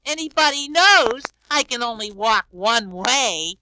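A man voicing a big, sweet, childlike yellow bird on a read-along record, innocent and wondering aloud. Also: very high voice, lively intonation, a little slow, very noisy. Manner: innocent, wondering, talks to himself.

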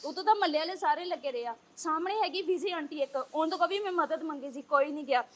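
A young Punjabi woman with a Punjabi accent, giving an agitated interview to reporters and pressing one rapid rhetorical question after another. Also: extremely high pitch. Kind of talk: heated street interview.

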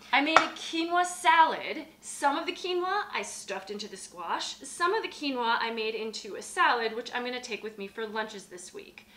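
A woman's voice: fairly high pitch, fairly bright tone, slight background noise. A woman in her thirties, a dietitian hosting her own channel, explaining things in a friendly, upbeat way from her home kitchen as she talks with her hands. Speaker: dietitian host. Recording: echoey kitchen.

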